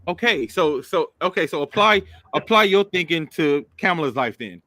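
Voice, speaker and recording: A man's voice: a little high, animated, moderate pace, bright, forceful tone, dry recording. A man hosting a casual talk show, pressing his co-host with persistent, probing questions. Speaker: podcast host. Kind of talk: casual debate chat.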